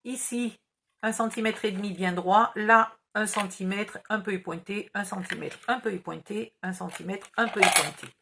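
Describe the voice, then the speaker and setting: A woman's voice: mid-range voice, normal speed, vocal fry, a bit bright, a little hiss or hum. Chatty woman with a southern French accent. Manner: chatty, patient, explains each gesture. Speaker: craft tutorial host. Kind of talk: step-by-step craft instructions.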